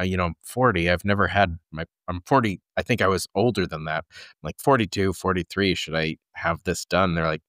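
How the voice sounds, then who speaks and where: A man in his forties chats casually as a podcast co-host, with a lowish voice. He slips in dry, teasing jokes and tells stories at a relaxed pace. The recording is close and dry. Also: no echo. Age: 40s. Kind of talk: casual chat.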